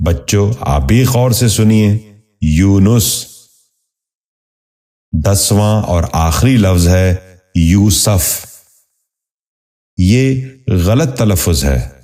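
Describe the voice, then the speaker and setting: A man hosting a scripted pronunciation lesson, speaking in a measured, formal way and repeating each word with care. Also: low-pitched, warm tone. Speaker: host and pronunciation teacher.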